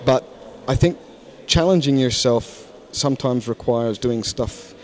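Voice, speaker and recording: An English teacher, interviewed casually indoors in a conference hall lounge, uses a handheld mic. His medium-pitched voice moves at a measured pace, and he speaks frankly and thoughtfully despite frequent restarts.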